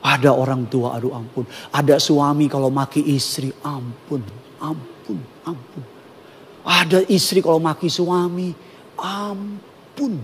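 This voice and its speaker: A male pastor from North Sumatra with a Batak accent, preaching a lively sermon that swings between loud exhortation and hushed asides. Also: on the high side, slight background noise. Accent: Batak Indonesian. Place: large church hall. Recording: long hall reverb.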